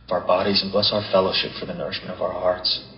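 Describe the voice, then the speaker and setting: A calm, earnest young preacher, played by a man, with a very deep voice. It carries a roomy echo and a slightly muffled TV-sound quality, with faint ambience behind. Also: fast talker, a little hiss or hum, lightly acted. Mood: prayerful. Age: young adult.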